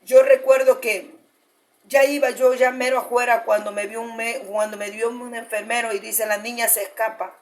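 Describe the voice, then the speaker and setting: A woman pastor preaches a fervent testimony in a slightly high voice. She keeps turning to the congregation to call them beloved brothers and sisters in the Lord. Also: fairly even intonation, moderate pace. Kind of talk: sermon testimony.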